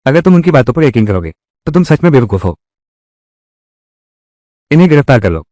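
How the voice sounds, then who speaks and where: A man's voice: mid-range voice, sing-song, brisk, darkish tone, no echo, clean studio sound. A man dubbing all the roles of a drama, with heated, quarrelsome delivery.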